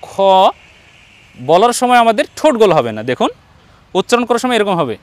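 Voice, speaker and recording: A man's voice: high-pitched, sing-song, quick pace, no echo. A man with a Bangladeshi Bengali accent, teaching Quran letter pronunciation online and patiently repeating each sound for his students.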